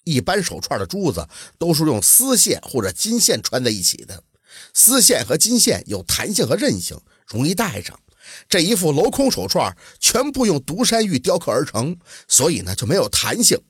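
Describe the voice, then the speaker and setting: A man storyteller voicing a calm, wise master jade carver who speaks low and softly. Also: husky, no echo, studio quality, heavily acted. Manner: low, unhurried and soft.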